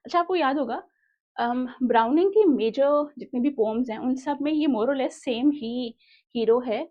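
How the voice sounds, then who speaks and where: A young Indian woman with a high voice teaches an online exam-prep literature class, switching between Hindi and English and reading questions aloud slowly. The audio sounds dull.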